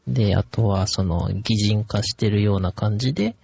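Husky, gravelly man with a Kansai accent. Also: fairly low pitch, normal speed, a little mellow, no room sound. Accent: Kansai Japanese. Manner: easygoing, explaining. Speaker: podcast co-host. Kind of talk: casual podcast chat. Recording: dull, dry lo-fi recording.

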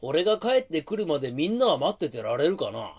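A man's voice: a little high, big pitch swings, fairly quick, slightly rough. A man voicing a cheeky young tenement joker who tells breezy tall tales.

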